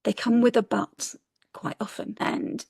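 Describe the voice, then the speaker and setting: A woman's voice: a little high, level tone, measured pace, gravelly, a little mellow, slightly rough, no echo, clean studio sound. A woman astrologer, a guest in a casual conversation, telling a story earnestly and urging listeners to chase their dreams.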